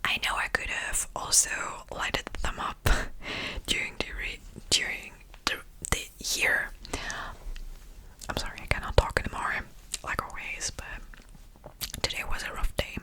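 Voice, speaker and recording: Woman's slow, close-up crisp ASMR whisper. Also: bright, forceful tone, rough recording. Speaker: ASMR creator. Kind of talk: whispered ASMR ramble, casual chat. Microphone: close-up ear-to-ear stereo microphone.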